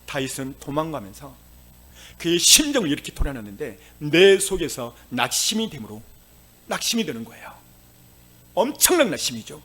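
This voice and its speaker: A male pastor preaching a sermon, dropping to hushed tones and then rising to loud exclamations. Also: a little high, big pitch swings, normal speed.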